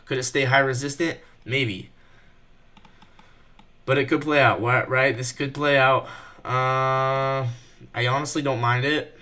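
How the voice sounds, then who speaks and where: A nervous young man giving fast live commentary while trading, thinking out loud and rushing his words. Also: medium pitch. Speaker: day trader streaming live.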